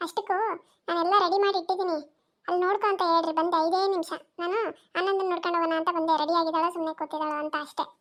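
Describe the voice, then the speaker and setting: A shrill, very high cartoon mother, sharp-tongued and always scolding, voiced by a woman. She fires off her complaints at a brisk clip, nagging without pause. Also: little pitch movement. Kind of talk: cartoon voice acting.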